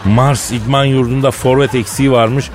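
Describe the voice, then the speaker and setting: A man's voice: mid-range voice, fairly even intonation, normal speed, noisy background. A man hosting a comic radio show, teasing his partner with a mock-serious tale in a studio. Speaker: radio comedy host.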